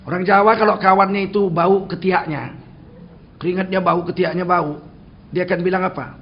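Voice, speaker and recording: Blunt Medan-accented older preacher, high voice. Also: male voice, normal speed. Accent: Medan Indonesian. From Sumatra. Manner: blunt, animated storytelling, acting out dialogues. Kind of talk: sermon. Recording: dull lo-fi recording with faint noise.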